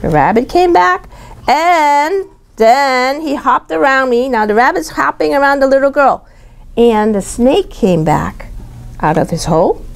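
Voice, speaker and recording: Her voice is high-pitched and gravelly, moving at a measured pace as she reads a picture book aloud to a small child. She reads expressively and in an animated way, with simple child-directed language, frequent repetition, quick explanations and questions throughout.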